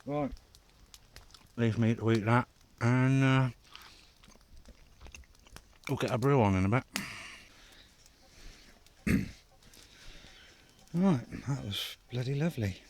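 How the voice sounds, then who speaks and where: A man's voice: medium pitch, big pitch swings, slow pace, creaky, pauses often, a little mellow, slight background noise. A man vlogging from his hammock at a night camp, chatting casually with lots of fillers and banter. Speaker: bushcraft vlogger. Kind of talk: casual outdoor vlog chat.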